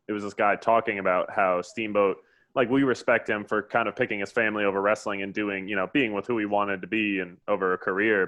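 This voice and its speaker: A man's voice: on the low side, a bit bright, dull audio. A man co-hosting a podcast in casual chat, agreeable and often chiming in briefly. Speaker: podcast co-host.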